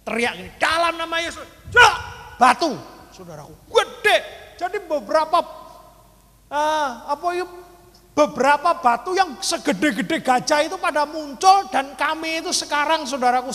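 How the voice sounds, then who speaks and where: A man's voice: extremely high pitch, animated, normal speed, fairly bright tone. A male pastor with a Javanese accent preaching a sermon, telling a story emphatically and calling out to the congregation again and again. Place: church hall before a congregation. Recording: long hall reverb.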